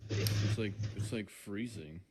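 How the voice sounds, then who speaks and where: Low-voiced man hosting a live debate. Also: slow pace, a little mellow. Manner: blunt, pressing questions. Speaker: host of a live debate stream. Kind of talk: casual live-stream debate.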